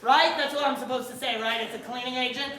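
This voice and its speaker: Woman playing a loud sleazy guy host, high voice, echoey theater. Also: fairly even intonation, fast talker. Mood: rambling. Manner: loud, rambling, breaks into laughter. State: winded. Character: brash sleazy male game show host, used lawnmower salesman. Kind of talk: live sketch comedy. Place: theater stage. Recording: roomy theater sound.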